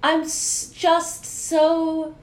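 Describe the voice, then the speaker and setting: Slow-talking woman, joking casual chat. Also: extremely high pitch. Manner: jokey, animated, self-deprecating.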